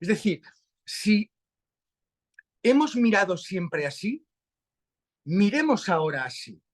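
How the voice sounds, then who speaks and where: Brief: man with an accent from Spain, unhurried, reflective conversational teacher, voice on the higher side. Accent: Spanish from Spain. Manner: slow, reflective, animated rises when stressing a point. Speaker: guest speaker.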